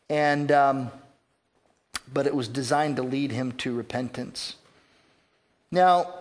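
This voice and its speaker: A man with a somewhat higher voice preaches a sermon. He speaks earnestly and sometimes repeats a word while he searches for the next thought. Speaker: pastor.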